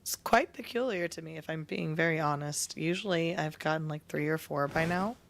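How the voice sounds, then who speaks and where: A young adult woman streaming from home, chatting candidly with a raspy, sick voice and clearing her throat now and then. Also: sits low, normal speed, a little hiss or hum. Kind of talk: casual live-stream chat. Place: at home, near bed.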